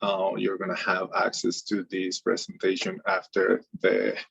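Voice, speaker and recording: A man's voice: low-pitched, monotone, unhurried, vocal fry, a bit bright, breathy edge, dry recording. A man, giving a friendly, upbeat webinar presentation and often restarting and repeating his words. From Venezuela. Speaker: webinar presenter, microloan director. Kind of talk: casual online webinar presentation. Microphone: video call mic. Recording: dull, lo-fi video call audio.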